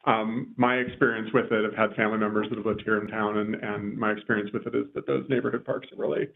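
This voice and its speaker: A man's voice: lowish voice, little pitch movement, fast, gravelly. A man speaking informally as a consultant at a meeting, hesitant and rephrasing as he goes. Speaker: consulting parks planner. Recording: tinny phone-like meeting audio, faint noise.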